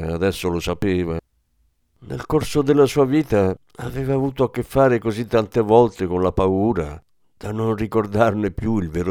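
Male audiobook narrator, very deep, dry sound, measured and somber. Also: mellow, no echo. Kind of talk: audiobook reading.

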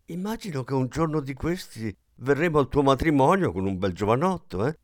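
A man voicing a stout, genteel middle-aged gentleman in an audiobook, cordial and a little awkward. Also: medium pitch, animated, a little fast, dry recording, clean studio sound, pitched above the performer's own voice, close to an everyday voice. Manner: cordial, breezy. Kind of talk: audiobook character reading.

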